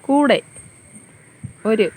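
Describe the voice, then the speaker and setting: A woman's voice: fairly high pitch, expressive, drawn-out words, a little mellow, a little hiss or hum. A woman playing a miming game with her daughter, teasing her and giving orders in casual family chat. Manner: playful, teasing, bossy game-giver.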